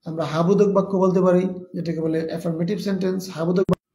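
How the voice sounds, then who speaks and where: Male English teacher, high and mellow, explaining and repeating examples on a live class. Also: level tone, rapid-fire, roomy sound. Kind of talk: live online lesson.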